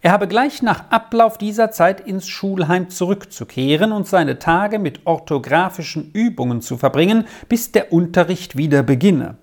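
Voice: medium pitch, expressive, moderate pace, hardly any pauses, pitched above the performer's own voice, lightly acted. A reader voicing a stern, scolding headmaster. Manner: scolding, indignant, lecturing. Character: stern, pedantic male school headmaster. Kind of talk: audiobook reading of a letter.

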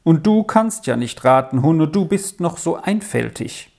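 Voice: mid-range voice, measured pace, vocal fry. A reader putting on an eager schoolboy in a storybook. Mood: scolding. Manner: lively, exclaiming. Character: eager young boy puzzling over riddles.

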